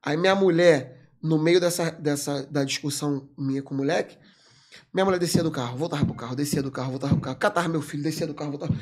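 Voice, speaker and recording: A man, a military police corporal, telling a story as a podcast guest in an animated, emphatic way, full of slang fillers. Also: on the high side, quick pace, breathy edge. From Brazil. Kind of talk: casual storytelling in an interview.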